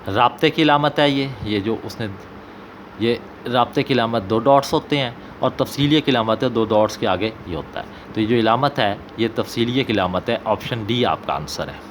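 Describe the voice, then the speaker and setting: Pakistani punjabi guy going thru urdu exam answers, slow and repeats stuff, bit of hiss behind. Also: medium pitch. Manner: explains slowly, repeats example sentences with stress. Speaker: Urdu teacher. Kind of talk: solving an exam paper.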